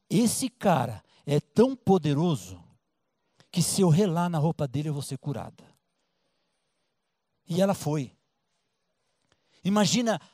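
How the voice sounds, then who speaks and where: A man preaching a sermon with a Brazilian Portuguese accent, telling a story in a colloquial, lively way and acting out the voices. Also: sits high, dry recording, studio quality. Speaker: pastor.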